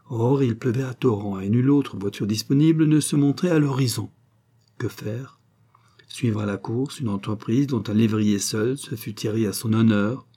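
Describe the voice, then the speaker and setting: Husky-voiced male audiobook reader. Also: mid-range voice, dark tone. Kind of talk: scripted narration of a novel.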